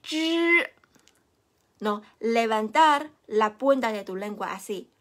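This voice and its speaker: A young woman who speaks Chinese natively teaches Mandarin in a live online lesson, demonstrating sounds patiently and encouragingly. Her voice is mid-range and her pace measured.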